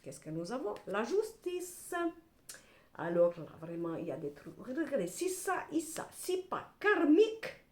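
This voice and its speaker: A woman's voice: medium pitch, normal speed. A middle-aged woman gives a tarot reading to camera in a blunt, salty, chatty way. Her voice swoops up and down a lot. It sounds roomy and echoey, as if she is recording in a bare room at home. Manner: animated, blunt and salty, with repeated "hein" and "voilà". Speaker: tarot card reader.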